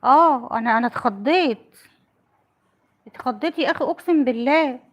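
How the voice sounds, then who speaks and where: A woman's voice: high-pitched, brisk. A woman with an Egyptian Arabic accent chatting on a call while filming her child, doting and laughing often. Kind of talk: casual family vlog on a phone call.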